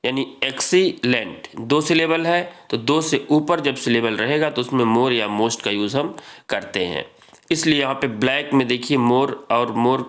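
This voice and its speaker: Slow-paced male grammar teacher. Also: mid-range voice, fairly bright tone. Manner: slow, repetitive explaining, addressing students as friends. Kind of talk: exam-prep grammar lesson.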